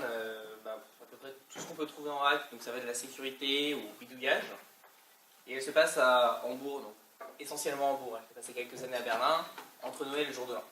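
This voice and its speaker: A man's voice: medium pitch, bright, forceful tone. A man with a French accent giving an informal technical talk in a colloquial, hesitant way, pronouncing English terms with a French accent. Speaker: conference speaker. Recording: echoey distant mic, faint noise.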